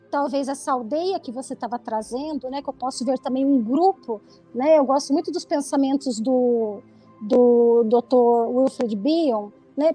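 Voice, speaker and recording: Woman, high voice, reflective, frequent tag questions, video call, faint music. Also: mellow, rough recording. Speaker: psychoanalyst. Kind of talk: reflective interview talk.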